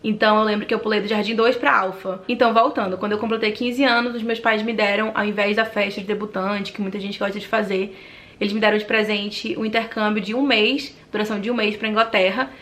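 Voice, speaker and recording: A woman's voice: mid-range voice, fast talker. Chatty young Brazilian woman from Manaus. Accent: Brazilian Portuguese from Manaus. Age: 20s. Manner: talkative and animated. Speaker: vlogger. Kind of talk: personal storytelling vlog.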